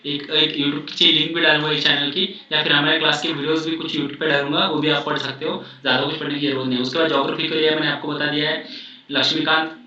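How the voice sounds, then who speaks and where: Man teaching exam prep, bright tense voice, repeats himself to reassure, booming echo, distant dull mic. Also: level tone, quick pace. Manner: repetitive, reassuring, mixes English phrases. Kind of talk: study advice lecture. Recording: echoey room, distant mic, dull sound.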